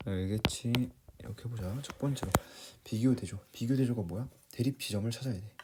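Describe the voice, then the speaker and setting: Speaking in a brisk, mid-range voice over some background noise, a man teaches English reading in a casual lecture. He talks plainly to his students, frequently rephrasing and checking in with them.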